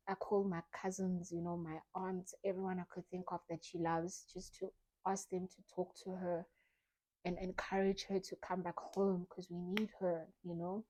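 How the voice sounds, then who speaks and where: A woman softly telling a personal story of grief in a vlog, acting out her own past thoughts. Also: on the low side. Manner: soft, reflective, grieving, re-enacting her own thoughts. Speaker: vlogger.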